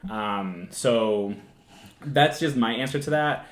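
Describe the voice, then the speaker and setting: A young Dominican man talking loosely on a podcast, his voice sitting at an everyday middle pitch. He fills pauses with "um" and "like" and laughs often. The room around him is echoey. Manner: relaxed, thinks aloud with many fillers and laughs. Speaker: podcast co-host. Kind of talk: casual chat.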